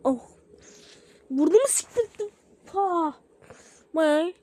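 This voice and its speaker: Very high-voiced excitable woman reacting. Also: slow. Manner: excitable, rambling, swears freely. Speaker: video reactor. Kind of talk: casual reaction commentary.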